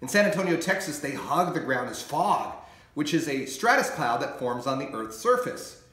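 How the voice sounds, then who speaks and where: A man reading his children's book aloud in an expressive, animated storytelling manner. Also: medium pitch, normal speed, reverberant.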